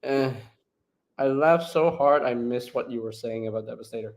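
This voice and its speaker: A man's voice: mid-range voice, moderate pace. A man hosting a live discussion, talking casually in a laid-back way and breaking into laughter easily. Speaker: channel host.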